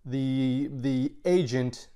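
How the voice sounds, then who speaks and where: A man teaching a recorded grammar lesson, explaining slowly and patiently, sometimes correcting himself mid-sentence. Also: medium pitch, warm tone, clear, resonant tone. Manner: slow, patient explaining with self-corrections and asides. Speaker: Latin teacher.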